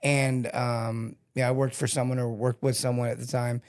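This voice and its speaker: Animated man telling sales stories. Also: mid-range voice, moderate pace. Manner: animated storyteller, acts out quotes. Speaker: sales coach guest. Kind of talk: casual podcast interview.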